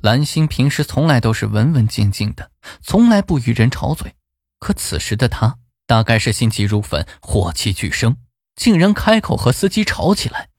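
A man narrating a folk ghost story in an expressive, suspenseful way. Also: mid-range voice, moderate pace, dry recording, studio quality. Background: faint music.

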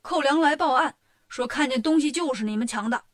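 A woman voicing a stern male prefect who scolds and accuses in a loud, indignant way. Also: sits high, a little fast, lightly acted. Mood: scolding.

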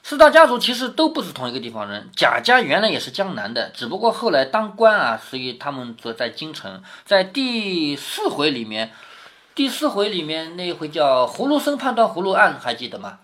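A man's voice: a little high, huge pitch swings, fairly quick, fairly bright tone. A man reading a classic novel to his daughter, stopping often to explain and ask her questions. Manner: explanatory, asks the listener questions. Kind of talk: storytelling with running commentary.

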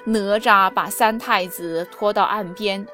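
A woman teacher narrating a children's story, expressive, slow and clear. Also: medium pitch, faint music behind.

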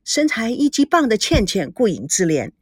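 Woman storybook narrator, expressive and lively, dry close mic. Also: fairly high pitch, moderate pace, husky, no echo. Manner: expressive, acts out all the voices.

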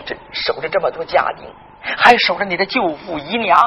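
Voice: medium pitch, lively intonation, brisk, lo-fi sound, slight background noise, close to an everyday voice. A performer playing a sobbing, crafty old grandfather. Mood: wheedling. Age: older. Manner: wailing, theatrical sobbing and shouting. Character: crafty tearful grandfather, former martial hero, seventy. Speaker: storytelling performer. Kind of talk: Henan zhuizi storytelling dialogue.

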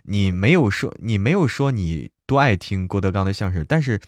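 A man's voice: lowish voice, expressive, normal speed, no room sound, clean studio sound. A man chatting animatedly as co-host on a casual livestream, laughing easily. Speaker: co-host, apprentice to the host.

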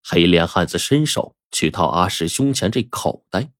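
A man telling a folk tale in a lively, animated storytelling manner. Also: low-pitched, normal speed, no echo, clean studio sound. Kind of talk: oral storytelling.

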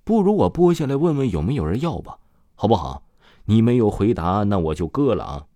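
Man voicing a vengeful male ghost, skinless, eerie, mocking, deep dark voice, swinging pitch. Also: sing-song, a little fast, no room sound. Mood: menacing.

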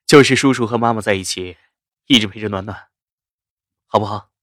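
A woman voicing a calm, gentle young male doctor who speaks softly and evenly, in a dry close recording. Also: rumbling low, fairly quick, no room sound, pitched below the performer's own voice. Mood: tender. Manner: soft-spoken, mild and even.

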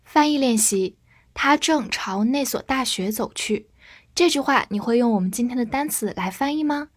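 A woman from China, a native Chinese speaker, teaching English vocabulary with clear, patient explanations and careful spelling. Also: fairly high pitch, expressive, normal speed, dry recording, clean studio sound. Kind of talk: vocabulary lesson.

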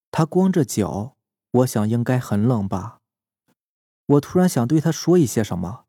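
A male podcast host narrating a first-person horror story in a calm, measured, suspenseful way. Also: mid-range voice, slightly rough, dry recording, clean studio sound. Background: faint eerie background music.

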